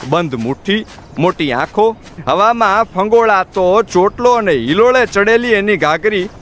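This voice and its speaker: A man narrating an audiobook in an expressive, dramatic storytelling manner. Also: sits high, slight background noise.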